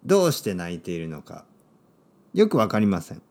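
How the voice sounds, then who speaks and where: A man hosting a podcast for Japanese learners, speaking simply with lots of repetition and a playful, expressive delivery. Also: brisk. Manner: clear, simple phrasing for learners with repeated words; expressive and playful, with sudden pitch jumps. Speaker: podcast host and Japanese teacher.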